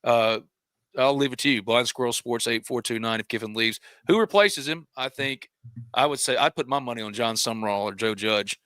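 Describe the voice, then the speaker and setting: A man's voice: medium pitch, animated, normal speed, a bit bright, no echo, studio quality. A man hosting a live sports talk stream, reading viewer questions and sponsor thanks with a joking manner. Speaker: show host.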